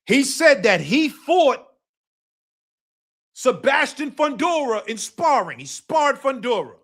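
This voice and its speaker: A man hosting a live boxing talk stream, talking casually and emphatically, repeating his points, swearing and bursting into shouts. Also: very high voice, very animated, takes it slowly.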